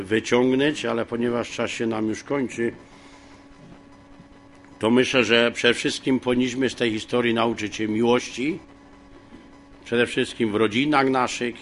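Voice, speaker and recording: A man teaching from the Bible in a homely, rambling way, with many fillers and frequent throat clearing. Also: mid-range voice, fairly even intonation, normal speed, faint music behind. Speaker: preacher.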